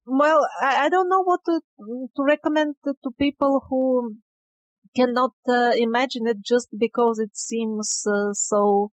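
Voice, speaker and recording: A woman with a fairly high voice, appearing as an interview guest, speaks very slowly and conversationally, searching for her words with fairly even intonation. The low-quality recording is dry and close, with no echo and little room sound.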